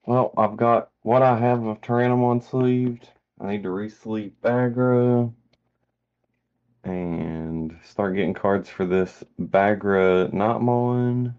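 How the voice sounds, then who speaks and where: A low-pitched man who speaks briefly and matter-of-factly in casual podcast chat. His audio is dull and lo-fi. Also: steady tone, slow pace, clear, resonant tone. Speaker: podcast co-host. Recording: muffled lo-fi audio.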